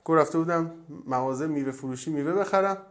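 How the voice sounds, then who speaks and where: A man giving a religious lecture, telling stories and often dropping to a soft, low voice. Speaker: cleric.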